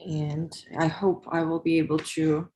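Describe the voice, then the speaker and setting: Her voice sits low and mellow with a flat delivery, caught on poor audio with slight background noise and a roomy sound. She's a pharmacist from Ukraine getting ready for an English exam, giving a practice answer and chatting casually on a livestream. She speaks carefully and measuredly, using hesitant fillers as she answers.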